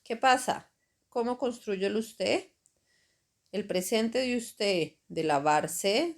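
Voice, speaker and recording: Woman, grammar teacher, slow unhurried delivery, patient step-by-step explaining, middle pitch. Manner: slow, patient explaining with frequent "¿ok?" and "¿cierto?" checks. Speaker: Spanish teacher. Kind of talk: grammar lesson over slides.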